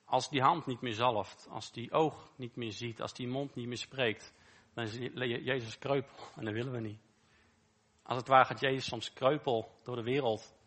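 Male preacher with a bright tone, conversational and repetitive, lots of rhetorical questions. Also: mid-range voice, fairly even intonation, moderate pace. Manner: conversational, repeats words, asks rhetorical questions. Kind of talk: informal sermon.

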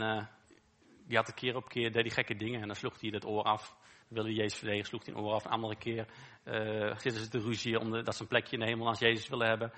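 Male preacher with a bright tone, conversational and repetitive, lots of rhetorical questions. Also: mid-range voice. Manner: conversational, repeats words, asks rhetorical questions. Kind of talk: informal sermon.

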